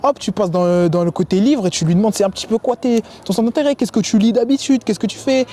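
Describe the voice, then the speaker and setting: Young male vlogger with a high, warm voice. Slangy, spontaneous, energetic delivery. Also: fast, slight background noise. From United States. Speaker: dating advice vlogger. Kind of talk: casual advice to camera. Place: sports complex.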